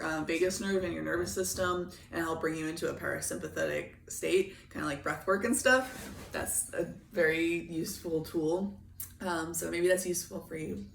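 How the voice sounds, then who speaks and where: A woman giving a casual tarot reading in a gentle, reflective way, with her morning voice. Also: on the low side, creaky, roomy sound, a little hiss or hum. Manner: gentle, reflective, reads card meanings aloud. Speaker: tarot reader.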